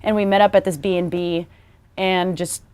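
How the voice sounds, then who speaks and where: A young woman who grew up in New York, a musician guest chatting in a relaxed, upbeat way. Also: fairly low pitch, moderate pace, clean tone, no room sound. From born in the Philippines, grew up in New York. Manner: relaxed, upbeat, uses fillers like "like" and "you know". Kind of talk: casual interview chat.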